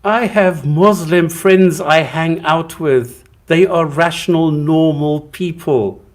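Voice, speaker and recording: A man's voice: a little high, slow. A co-host man in a heated debate, blunt and scolding, exasperated with his opponent.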